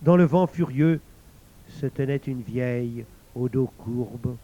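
Slow, mellow male storyteller. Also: medium pitch, a little hiss or hum. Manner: slow, measured. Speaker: narrator. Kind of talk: scripted narration of a tale. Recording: slightly muffled recording.

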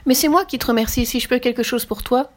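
Lady doing a sighy little oyster voice, kinda whiny and high, storybook. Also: fast, close to an everyday voice. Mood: plaintive. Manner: sighing, plaintive. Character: sighing weary oyster, female.

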